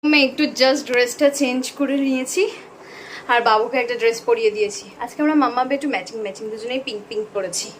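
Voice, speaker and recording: Young woman, high voice, chatty vlog narration, mother explaining plans to camera. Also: quick pace, slight background noise. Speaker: vlogger, mother.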